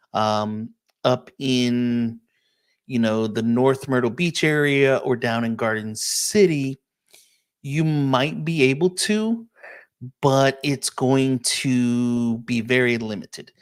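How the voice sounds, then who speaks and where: A real estate agent speaks slowly in a clear, resonant, medium-pitched voice as he casually live-streams a tour of listings. Answering viewer questions in an explanatory manner, he leans on "um" and keeps asking "okay?"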